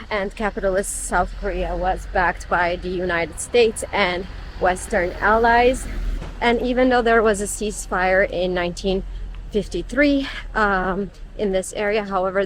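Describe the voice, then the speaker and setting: There's a little hiss or hum under this young woman's mid-range voice. A travel vlogger on a cold-weather outdoor guided tour, she explains things to the camera casually and chattily, frequently saying um.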